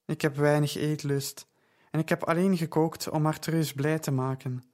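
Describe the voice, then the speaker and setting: A man's voice: fairly high pitch, flat delivery, moderate pace, darkish tone, natural voice. A man reading a weary, kind-hearted woman. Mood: dry kind.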